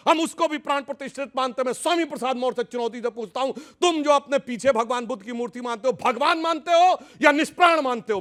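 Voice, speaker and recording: A man's voice: very high voice, a bit bright. A man arguing on a televised news debate, sarcastic and combative, heaping mock praise on his opponents. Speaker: political debate panelist.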